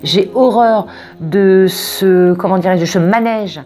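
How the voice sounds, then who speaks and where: A woman reading oracle cards and giving spiritual guidance in a casual, expressive way, wandering off into asides and repeating words for emphasis. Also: mid-range voice, slow. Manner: expressive, digressive, emphatic repetitions. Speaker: oracle card reader.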